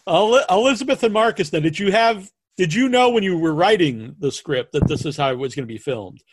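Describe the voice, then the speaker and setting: A man interviewing a film's cast on a video call, asking questions in a relaxed way. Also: sits high, a little fast, noisy background.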